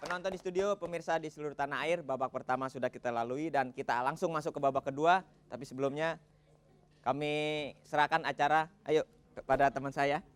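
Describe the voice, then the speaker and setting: High-voiced bantering quiz host man. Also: fairly even intonation, a little fast, a faint crowd, a little hiss or hum. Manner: bantering, laughs often. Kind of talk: comedy quiz hosting. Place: TV studio with audience.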